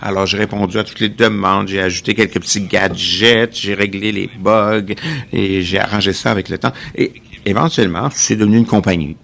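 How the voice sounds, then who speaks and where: A man interpreting a technical talk live, in a halting way with restarts. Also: on the low side, steady tone, vocal fry, a bit bright. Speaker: conference interpreter.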